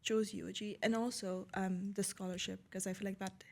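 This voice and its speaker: A woman's voice: mid-range voice, level tone, creaky. A young woman from Nepal, a law student guest on a podcast, chatting casually with lots of "like" and "um" fillers. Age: young adult. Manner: chatty, many "like" and "um" fillers, quick to laugh.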